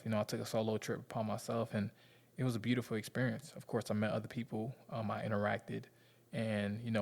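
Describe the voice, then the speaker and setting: A man's voice: fairly low pitch, creaky. A man in his thirties with a Southern US accent, talking candidly and rambling to his viewers in slangy casual speech. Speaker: vlogger.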